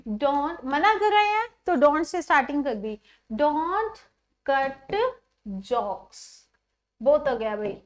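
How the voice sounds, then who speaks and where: A woman teaching English in a classroom-style lesson, explaining patiently and repeating each English phrase slowly. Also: high voice.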